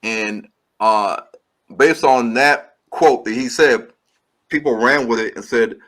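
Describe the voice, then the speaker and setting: A man's voice: mid-range voice, takes it slowly, fairly bright tone. A man, a filmmaker guest, giving long earnest explanations in an interview and restarting his sentences often. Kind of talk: interview answers.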